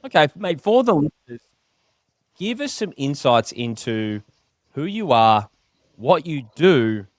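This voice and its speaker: A man's voice: on the high side, big pitch swings, a little slow, long pauses, no room sound. A man from Tasmania hosting a podcast interview in an upbeat, joking manner. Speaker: podcast host.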